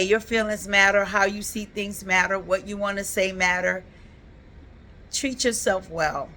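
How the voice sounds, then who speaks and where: Fifties woman vlogging, earnest and reflective, low-ish voice with a forceful edge. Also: slight background noise. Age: 50s. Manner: earnest, reflective, with frequent fillers. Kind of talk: casual personal vlog.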